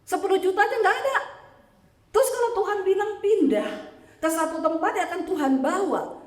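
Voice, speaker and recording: A woman preaching a sermon with personal testimony, animated and joking with the congregation. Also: very high-pitched, brisk. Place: church hall in Sydney. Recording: echoey hall.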